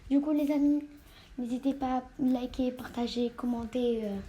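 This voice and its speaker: A woman's voice: high voice, fairly even intonation, moderate pace, dark tone, slight background noise. A woman vlogging casually while playing with dolls, chatting to viewers and often dropping into whispers. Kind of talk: casual doll-play vlog.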